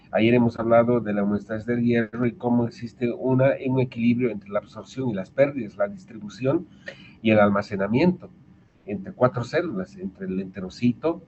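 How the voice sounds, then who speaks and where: A man with a Bolivian Spanish accent teaches medicine over a video call, explaining carefully and circling back on his words. His voice sits at an ordinary middle pitch. The audio is dull and lo-fi, with a faint hiss behind it. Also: a little mellow. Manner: explanatory, repeats and restarts words. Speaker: medical lecturer. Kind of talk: online medical lecture.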